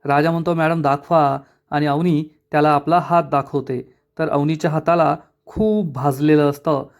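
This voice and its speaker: High-voiced man recapping a serial episode. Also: moderate pace. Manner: lively storytelling, addresses viewers as friends. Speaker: TV serial reviewer.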